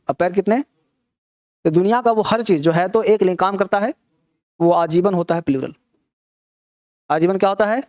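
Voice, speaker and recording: A man with a high voice teaches an English grammar class, teasing and scolding his students while quizzing them with rhetorical questions. The classroom lecture is recorded in studio quality with no echo.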